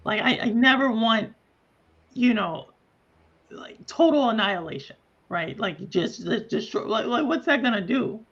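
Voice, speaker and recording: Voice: medium pitch, lively intonation, fairly bright tone. Thoughtful guest, slightly dull-sounding mic. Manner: reflective, halting, lots of fillers. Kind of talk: casual chat.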